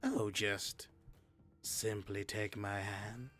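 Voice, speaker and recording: A man voicing a sly, courtly skeleton guide of the dead, in a slow, hushed, insinuating murmur. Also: on the low side, steady tone, soft background music, voice pushed down. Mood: hushed, ominous.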